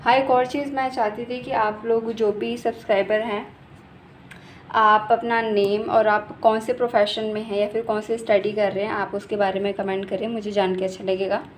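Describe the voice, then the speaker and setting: A woman English teacher explaining grammar in a casual, patient way, often checking in and correcting herself as she goes. She slows right down to read out the English example sentences. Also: medium pitch, level tone, slight background noise. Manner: slow, deliberate reading of English example sentences; frequent "ठीक है" check-ins and self-corrections.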